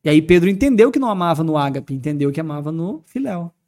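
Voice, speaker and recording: A man with a Brazilian accent, a podcast guest, telling stories in a fast, animated way in a studio. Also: on the high side. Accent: Brazilian Portuguese. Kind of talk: casual podcast talk on faith.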